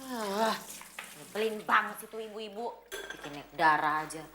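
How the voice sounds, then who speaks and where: An actress playing a sassy, complaining housemaid who talks in slang in a sitcom. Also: female voice, mid-range voice, normal speed, a crowd in the background, natural voice. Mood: indignant. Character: sassy, grumbling young housemaid. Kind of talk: sitcom acting. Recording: roomy set with loud music.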